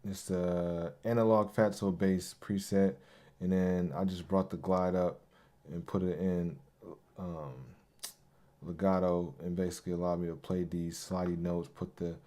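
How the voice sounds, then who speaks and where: A man's voice: low-pitched, little pitch movement, a little slow. A man producer casually walking through how he built a beat, laid-back and hyping along with ad-libs. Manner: laid-back, hypes along to his beats with yo and hey ad-libs. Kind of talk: casual beat breakdown tutorial. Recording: beat music playing loudly behind.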